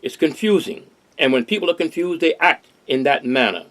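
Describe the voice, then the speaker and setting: Older New man, host, earnest and rambling, slightly high voice. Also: very animated, normal speed, fairly bright tone. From Harlem, New York. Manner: earnest, rambling with restarts and repeated phrases. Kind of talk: casual discussion.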